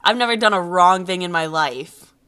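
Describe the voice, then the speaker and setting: A woman's voice: fairly low pitch, moderate pace, pushed and bright, clear, resonant tone. A young woman hosting a live stream in casual chat, reacting expressively and laughing easily.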